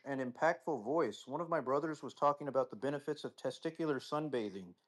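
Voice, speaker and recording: A man's voice: mid-range voice, fairly quick. A man in a casual group voice chat, talking in a sarcastic, mocking way.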